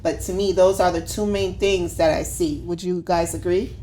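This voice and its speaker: Lower-voiced woman hosting a chat. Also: fairly even intonation, normal speed. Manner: affirming, asks guiding questions. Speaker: host. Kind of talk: casual podcast conversation. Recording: faint background noise.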